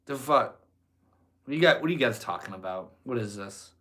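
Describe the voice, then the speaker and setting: This livestreamer is a young man with a blocked nose, bright and pushed in tone, at medium pitch with lively intonation and a moderate pace. He reads chat and talks easily with his viewers, swearing freely in a relaxed way.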